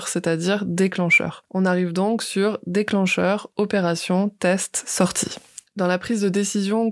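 A woman's voice: medium pitch, a little mellow, no room sound, clean studio sound. A woman hosting her own podcast, reading a scripted monologue in a playful, punning way and talking straight to the listener. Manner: playful, food puns, addresses listener as tu. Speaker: podcast host.

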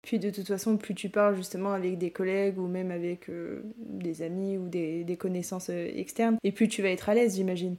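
Casting: woman podcast host, warm mellow tone, curious interviewer. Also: fairly low pitch, steady tone, fairly quick, few pauses. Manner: curious, friendly questioning, sums up answers. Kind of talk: casual interview questions.

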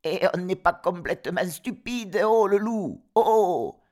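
A man voicing a bunch of cheeky young goat kids in a comic storybook reading, loud and mocking. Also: high voice, fairly even intonation, measured pace, voice pushed up. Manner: cheeky, shouting, slangy.

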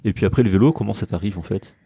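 Husky low-voiced man hosting a podcast. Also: racing, warm tone, dry recording, studio quality. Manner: loose, rambling questions with frequent "ouais" backchannels. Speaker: podcast host. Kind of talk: casual podcast interview.

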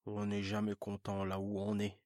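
A man playing a matter-of-fact, weary railway switchman in a storybook, calm and plain. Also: on the low side, moderate pace, no room sound, clean studio sound, natural voice.

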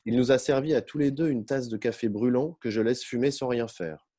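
Mellow-voiced man reading a novel. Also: medium pitch, brisk. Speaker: narrator. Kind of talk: first-person novel reading.

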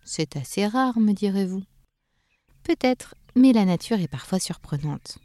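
A woman narrating a children's story in a gentle, expressive way. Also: mid-range voice, a little slow, dry recording.

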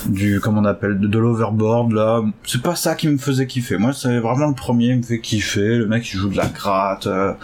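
Hesitant man with a lowish voice. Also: fairly quick, hardly any pauses. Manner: hesitant, full of "euh", with sudden excited pitch jumps. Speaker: podcast host learning Chinese. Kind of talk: casual chat.

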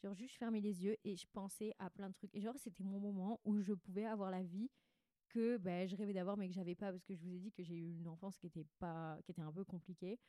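Here a woman in her twenties, a podcast host, speaks fast and in a steady tone through a blocked, nasal nose. Her voice is mellow and mid-pitched for a woman, and the audio is completely dry and echo-free. She gives a casual, slangy confessional, drifting off topic and interrupting herself as if reading from her diary.

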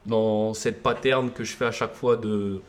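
A young man with a fairly low voice talks about his routine as a podcast guest. He speaks casually but hesitantly, stopping and restarting as he searches for words. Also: steady tone, normal speed. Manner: hesitant, many fillers and restarts. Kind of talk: casual interview.

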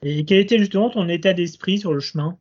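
Male interviewer, higher voice. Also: fast. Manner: questioning, repeats openings. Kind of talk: asking interview questions. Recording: dull lo-fi sound.

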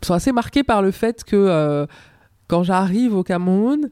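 Soft-spoken woman with a mellow voice. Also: medium pitch, lively intonation, normal speed, clean tone, no room sound, clean studio sound. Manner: hesitant, many restarts. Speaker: guest. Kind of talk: podcast interview.

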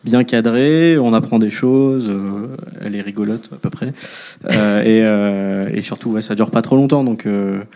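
A man talking casually on stage, halting and hesitant, full of ums. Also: on the low side, warm tone. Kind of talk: casual live chat.

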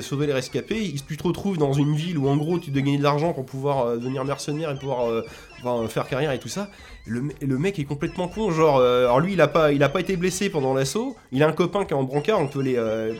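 A man in casual podcast chat, ranting in an animated way and swearing freely. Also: on the high side. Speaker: podcast co-host.

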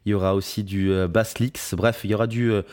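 Homme à la voix plutôt grave, hésitant. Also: male voice, fairly low pitch, fairly even intonation, fast, a little mellow. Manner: hesitant, many fillers, friendly. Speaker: podcast host, guitarist. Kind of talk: casual chat.

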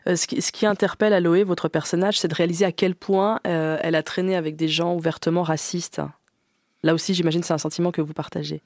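Measured male interviewer, slightly high voice. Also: little pitch movement, a little mellow, dry recording, studio quality. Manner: measured, reads quotes, brief acknowledgements. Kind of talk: radio interview.

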